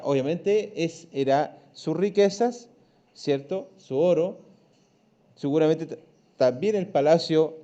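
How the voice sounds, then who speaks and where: Chilean man, schoolteacher, patient, slightly high mellow voice, muffled call audio. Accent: Chilean Spanish. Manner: patient, checks in with frequent "¿ya?" and "¿cierto?". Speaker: primary school teacher. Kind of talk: online class lesson.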